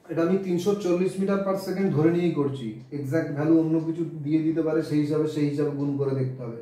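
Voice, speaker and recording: A man's voice: a little high, fast talker, mellow, far from the mic. A man teaching a physics lesson, explaining step by step and working sums aloud. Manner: explains step by step, works sums aloud, mixes in English terms. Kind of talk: classroom physics lecture. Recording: very echoey room, voice away from the mic.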